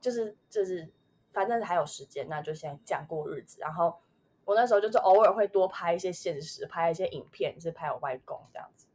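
A woman's voice: on the low side, fairly quick, a little mellow. A woman in her twenties with a Taiwanese Mandarin accent, telling a personal memory in a casual podcast chat, rambling with many fillers. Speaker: podcast co-host.

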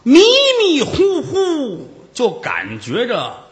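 Guy doing solo comedy storytelling, super animated, echoey room. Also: very high-pitched, drawn-out words. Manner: animated, playful asides, acted-out shouts. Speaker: comic storyteller. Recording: reverberant room.

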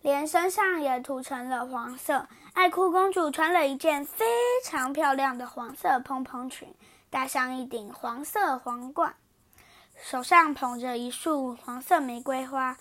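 A woman reading a children's picture book aloud in an expressive, animated way. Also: high-pitched, unhurried. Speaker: storyteller.

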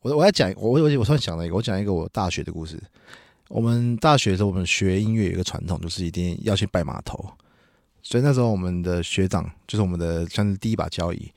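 Fast-talking Taiwanese man telling stories. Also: sits low, creaky, no echo, clean studio sound. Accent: Taiwanese Mandarin. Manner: animated, laughing storyteller who acts out quotes. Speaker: podcast host. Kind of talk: casual storytelling chat. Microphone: studio microphone.

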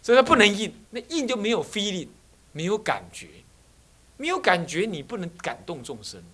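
A Taiwanese Mandarin-accented Buddhist abbot teaches a class in a teaching room, filling his sermon lecture with stories and rhetorical questions. His voice is high, a bit bright and very animated, and his delivery is brisk.

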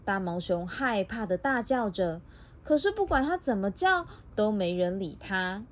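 A woman's voice: mid-range voice, lively intonation, unhurried. A woman reading a picture book aloud to her child, playful and laughing, stopping often to quiz the child.

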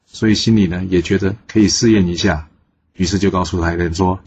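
Man storyteller, low voice, dull recording. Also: a little fast. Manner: lively, voices characters lightly in quotes. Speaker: storyteller host. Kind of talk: storytelling narration of a classical tale. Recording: slightly dull recording with faint noise.

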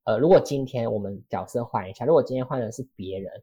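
A man's voice: medium pitch, animated, fast talker, mellow, husky. A man hosting a casual podcast interview, rambling and rephrasing his questions as he goes. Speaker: podcast host.

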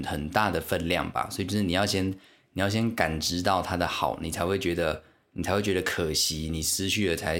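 Deep-voiced man rambling in Taiwanese Mandarin. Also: fairly bright tone. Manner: rambling, with many restarts and asides to the listener. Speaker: podcast host. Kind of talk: casual solo storytelling.

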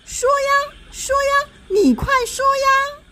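A woman's voice: very high voice, slow pace, bright, forceful tone, slight background noise, voice pushed up, full character voice. A woman reading a children's storybook aloud, voicing a cheeky paper charm doll spirit with a pushy, teasing manner. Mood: shrill teasing.

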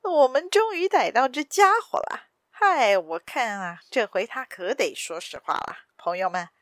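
A woman's voice: fairly high pitch, animated, measured pace, no room sound, clean studio sound. Woman doing a sneering male gang leader. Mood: commanding. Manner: barking orders, sneering.

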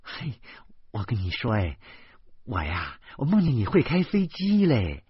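A man's voice: mid-range voice, huge pitch swings, measured pace, slightly rough, dry recording, exaggerated voice. A man voicing a sleepy wife who mumbles and chatters in a folksy way, on a dull lo-fi recording. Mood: rambling.

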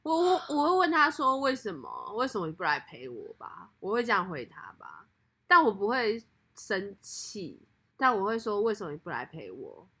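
A young woman co-hosting a podcast in casual chat, laughing often and rambling through quick asides. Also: medium pitch, huge pitch swings, fairly bright tone, slightly rough. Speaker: podcast co-host.

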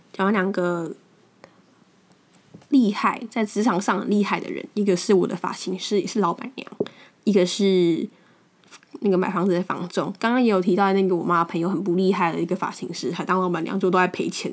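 A young woman with a Taiwanese Mandarin accent, hosting a podcast and telling stories in a frank, blunt way, often repeating words as she restarts. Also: fairly low pitch. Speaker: podcast host. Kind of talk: casual storytelling monologue.

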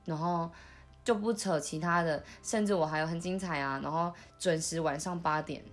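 A young woman, recalling her past in a soft, halting way, with many restarts, as she hosts a podcast. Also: low-pitched, faint music behind. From Taiwan. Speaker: podcast host. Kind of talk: intimate conversational storytelling.

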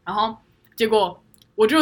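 A woman's voice: on the high side, fairly even intonation, normal speed. A woman co-hosting a podcast, telling a story with lots of laughter and English words mixed in. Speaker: podcast co-host. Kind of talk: casual chat.

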